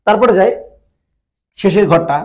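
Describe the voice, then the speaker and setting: A man with a fairly high, light voice teaches a grammar lesson. He repeats each rule several times and keeps checking that his listeners follow. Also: animated, moderate pace, darkish tone. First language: Bengali. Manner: repetitive, checks understanding often. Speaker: Japanese language teacher. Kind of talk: classroom-style grammar lesson.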